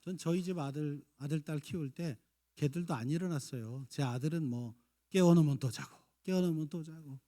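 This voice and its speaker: In a church sanctuary, a man in his fifties preaches a sermon in a slightly high, fairly quick voice. He acts out the lines of parents and children, switching between scolding shouts and soft, tender coaxing.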